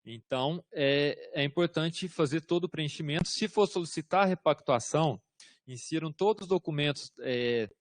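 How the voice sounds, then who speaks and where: A Brazilian man, a government systems instructor, fields questions in an online workshop, explaining informally with hesitant fillers and repeated "tá?" check-ins. His fairly high voice moves at a normal speed, recorded dry and clean in studio quality.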